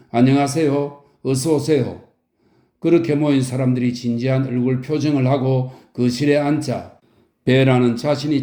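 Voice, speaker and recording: A man narrates a classic novel for sleep listening. His voice is warm and mellow, and his delivery is slow, even and soothing. The recording carries a noticeable roomy echo. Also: medium pitch. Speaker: audiobook narrator. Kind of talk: calm bedtime audiobook reading.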